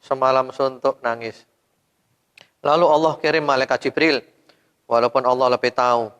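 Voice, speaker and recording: A man preaching a sermon to a women's study group, at an ordinary middle pitch. He keeps firing rhetorical questions at the audience, jumping up loud, then dropping to soft, trailing endings. His voice rings with a long hall reverb. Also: fairly even intonation, moderate pace, smooth, lo-fi sound. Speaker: Islamic preacher.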